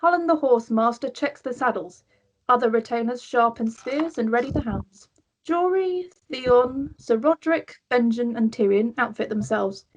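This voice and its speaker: Reading screenplay directions aloud during a table read, this woman has a breathy, husky, somewhat high voice and a scripted storytelling delivery. Her speed is normal, though the audio is dull.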